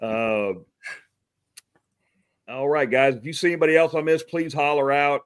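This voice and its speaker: A man's voice: on the high side, moderate pace, clean tone. A man from Texas hosting a casual livestream talk show, greeting viewers by name, often calling them brother and chuckling. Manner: friendly, calls people brother, chuckles often.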